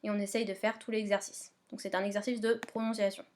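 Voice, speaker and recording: A woman's voice: medium pitch, flat delivery, fast talker, slight background noise. A woman teacher guiding pupils step by step through their remote English homework, often checking they follow. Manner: patient, step-by-step, checks understanding. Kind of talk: remote lesson instructions.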